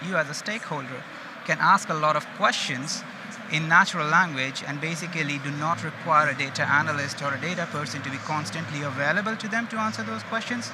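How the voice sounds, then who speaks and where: Speaking briskly in a fairly high pitch, this Indian-accented data engineering manager delivers an informal conference talk and keeps checking in with listeners. The setting is an open stage at a bustling exhibition, with loud ambient hall noise throughout.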